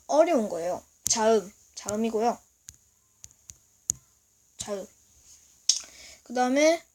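A woman giving a casual video lesson, explaining slowly and haltingly and often clearing her throat. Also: fairly high pitch, a little mellow. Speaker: language teacher. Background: noise from outside.

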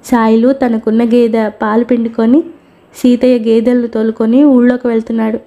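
A woman reading a novel aloud as a storyteller, with steady, even narration. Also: on the high side, normal speed, muffled recording.

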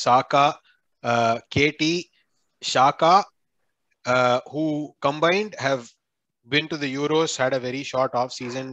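A man's voice: mid-range voice, fairly bright tone, dry recording. A man with a Tamil accent debating casually as a football fan panelist, stuttering into his points with repeated words and mixing languages. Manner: halting, repeats words as he starts. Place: video call.

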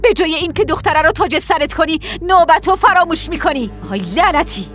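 A woman's voice: extremely high pitch, expressive, fairly bright tone, faint music behind. A woman voicing a fierce mother who berates and threatens her grown son in a dubbed TV drama. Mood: furious scolding.

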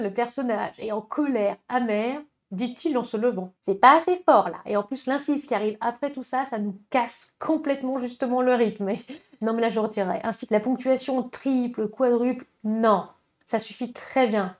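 Woman beta reader ripping into a manuscript, kinda high voice, lots of euh, slightly muffled lo-fi audio. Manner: lively and blunt, with many fillers and asides. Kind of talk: critiquing a manuscript excerpt aloud.

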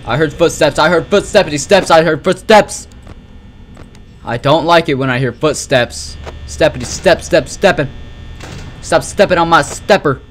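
Fairly high and a bit bright, the young adult streamer's voice keeps a moderate pace against slight background noise. He jumps nervously between exclamations and swearing while casually rambling through a horror game live.

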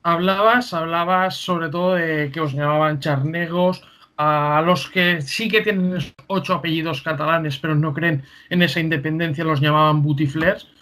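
Brisk man hosting a video call. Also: a little high, fairly even intonation, bright, forceful tone. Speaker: host.

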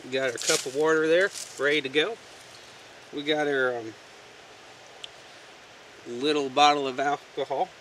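A man casually showing a homemade camp stove outdoors, talking in a relaxed, folksy way with many fillers. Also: fairly high pitch, measured pace, pauses often, distant mic, slight background noise. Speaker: outdoor gear vlogger. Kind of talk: casual how-to demonstration. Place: outdoors on the ground, off camera.

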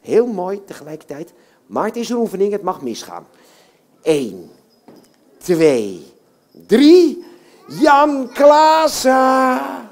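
A woman puppeteer warms up a young audience at a live show. She sounds cheerful and encouraging, and her pitch rises and falls in a lively, expressive way. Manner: encouraging, cheerful, coaxes the crowd with "hè?".

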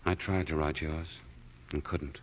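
A man's voice: rumbling low, fairly even intonation, measured pace, a little hiss or hum. An actor playing a lovesick man hiding something, earnest and hesitant, in 1940s radio acting. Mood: tender. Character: secretive lovesick man hiding bad news. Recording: dull 1940s broadcast with music underneath.

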